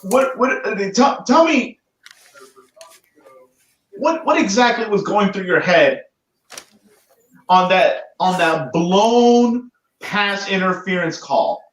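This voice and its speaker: A man's voice: high-pitched, lively intonation, takes it slowly, pauses often. A man calling in to a podcast over a poor remote microphone that makes him sound like he is talking through a tin can, easygoing and joking, shifting into mock news-anchor commentary. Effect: tinny tin-can sound from a poor remote microphone. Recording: echoey, dull lo-fi remote mic.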